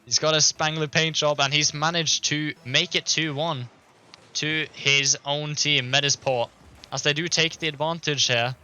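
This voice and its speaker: A man doing fast, excited play-by-play commentary as an esports caster. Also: a little high, smooth. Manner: quick, excited play-by-play, laughs easily.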